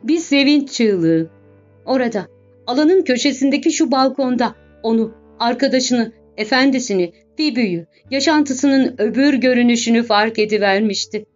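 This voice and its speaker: A woman reading a classic novel aloud as scripted narration, measured and expressive with dramatic pauses. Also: a little high. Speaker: audiobook narrator. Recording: dull lo-fi audio with faint background music.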